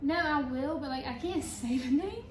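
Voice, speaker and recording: A woman's voice: high-pitched, moderate pace. A woman chatting casually as a talk show guest, who has trouble saying her R's, which sound like W's. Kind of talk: casual chat. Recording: echoey room, clear background noise.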